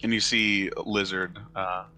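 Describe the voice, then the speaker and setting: A man's voice: deep voice, little pitch movement, measured pace, crowd noise. A man acting as game master, narrating a tabletop game in a casual conversational style.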